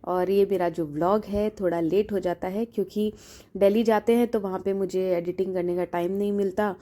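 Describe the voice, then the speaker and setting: A woman's voice: medium pitch, steady tone, fairly quick, mellow. A young woman from India narrating her family vlog in a chatty, teasing way and laughing often. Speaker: vlogger.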